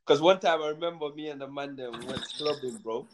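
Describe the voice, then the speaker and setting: A young man with a slightly high voice and a London roadman accent. He chats casually, telling a story in British street slang full of bro and fam. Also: fast talker, very noisy. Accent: British urban slang, London roadman style. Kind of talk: casual group chat.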